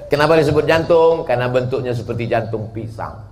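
A man preaching a sermon at a mosque gathering, jokey and animated, swinging from loud shouts to near-whispers. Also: medium pitch, fast. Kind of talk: sermon at a mass religious gathering. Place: mosque event.

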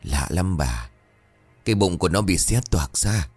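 Guy doing a tired old village man, low and grim. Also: animated, unhurried, husky, faint music behind, full character voice. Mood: weary.

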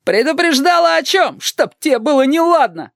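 The reader plays a brash young police officer trying to sound tough, rude and mocking, in an audiobook. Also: male voice, extremely high pitch, sing-song, normal speed, gravelly, no room sound, clean studio sound, pitched above the performer's own voice, full character voice. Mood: shouting. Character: young blond cop trying to act tough.

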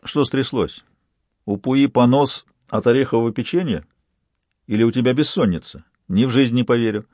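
A man's voice: medium pitch, moderate pace, a little mellow, no echo, lightly acted. A man voicing a sleepy, blunt young man speaking on the phone in a storybook reading. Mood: curt. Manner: drowsy, then curt and decisive.

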